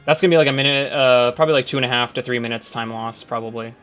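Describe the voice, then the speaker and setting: A young man giving casual live commentary as a speedrunner, talking through his moves and breaking into loud outbursts. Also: medium pitch, very fast, clear, resonant tone, soft background music. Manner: casual, talks to himself, swings to loud outbursts.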